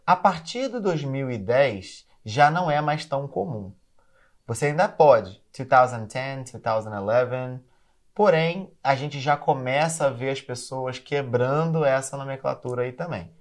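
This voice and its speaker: A man's voice: medium pitch, lively intonation, unhurried. A man with a Brazilian accent teaching an online English lesson, carefully drilling each English word between explanations.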